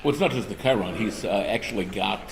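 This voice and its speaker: A man's voice: on the low side, lively intonation, fast talker, gravelly, a crowd in the background. A man co-commentating a backgammon event who drifts into a rambling personal story full of fillers. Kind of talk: anecdotal commentary chat.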